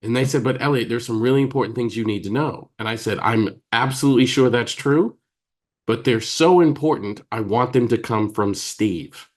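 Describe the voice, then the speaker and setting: A man with an American accent, giving a teaching talk as a therapist, emphatic and pausing deliberately, acting out quoted dialogue. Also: mid-range voice. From United States. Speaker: psychotherapist and trainer.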